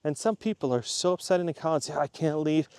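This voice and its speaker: This Swiss man runs a YouTube channel and talks casually to camera, chatty and rambling, repeating himself for emphasis. His fairly high voice moves at a quick pace and sounds a little mellow and clean, with no echo.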